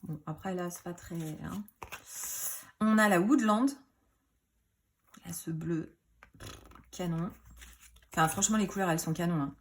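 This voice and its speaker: A woman in casual show-and-tell, chatty and rambling, with many fillers, self-corrections and quiet muttered asides. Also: on the low side, a little slow, long pauses, slight background noise. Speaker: craft YouTuber.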